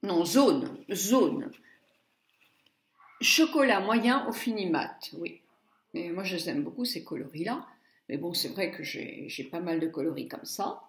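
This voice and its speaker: A woman's voice: lowish voice, animated, a little slow, reverberant. A middle-aged woman chatting through a makeup palette review, muttering asides and stumbling over English names. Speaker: beauty blogger.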